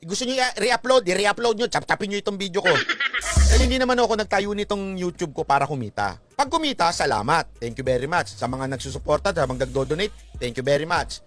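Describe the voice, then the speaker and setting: A man's voice: high-pitched, lively intonation, quick pace, a bit bright, faint music behind. A Filipino man hosting a casual YouTube livestream, joking and mocking, often slipping into sung phrases. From Philippines.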